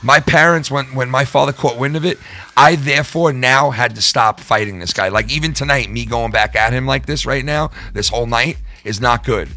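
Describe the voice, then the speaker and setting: A man's voice: medium pitch, normal speed, sharp tone. A man hosting a live show in casual livestream talk, profane, rambling and emphatic.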